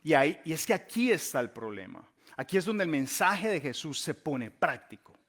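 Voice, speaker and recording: A pastor preaching a sermon. He tells the story emphatically, slows down on key words and lets the ends of his phrases drop almost to a murmur. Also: on the high side, very animated, fairly bright tone.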